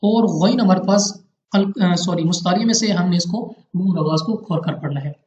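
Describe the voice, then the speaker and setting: A man's voice: high-pitched, moderate pace, darkish tone, slight background noise. A man teaches recitation rules patiently, walking through each point step by step and repeating it for his students. His voice rings in a roomy space. The recording sounds dull and lo-fi. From Pakistan. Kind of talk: step-by-step tajweed lesson.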